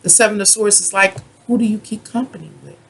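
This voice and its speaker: A tarot reader from the United States with a husky, raspy voice that often drops into gravelly fry. The delivery is a rambling, drunken rant, stopping and starting, stretching words and circling back over the same points. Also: medium pitch, a bit bright. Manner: self-described drunken ranting, halting with drawn-out words and repetition. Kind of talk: rambling monologue tarot reading.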